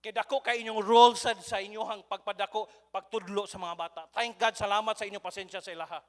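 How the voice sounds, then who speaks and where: A man with a Cebuano accent preaching a sermon in a church, telling stories in an animated way and mixing in English. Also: sits high, fast talker. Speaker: pastor. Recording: long church hall reverb.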